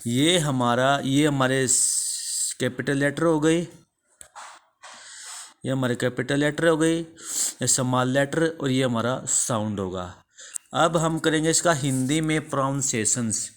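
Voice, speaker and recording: Speaking in a mid-range voice with an Indian accent, a man leads a slow, repetitive English alphabet lesson. He poses a question, answers it himself, and then repeats the answer.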